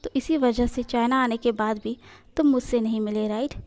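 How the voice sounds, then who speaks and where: A woman voicing a bold, confident young man who speaks smoothly, in a storybook reading. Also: on the high side, steady tone, moderate pace, a little mellow, close to an everyday voice.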